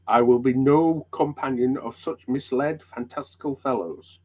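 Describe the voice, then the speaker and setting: A man's voice: mid-range voice, a little slow, natural voice, rough recording. A man voicing a scornful, stubborn neighbour in a hammy, dismissive way for a dramatic storybook reading. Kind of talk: dramatic reading of old allegory.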